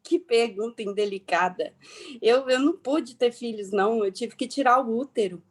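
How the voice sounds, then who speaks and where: A woman performs a self-righteous, prejudiced matron with a high voice in a satirical dramatic reading. She is hammy and indignant, rambling and repeating phrases with theatrical emphasis. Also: normal speed, natural voice. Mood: defensive.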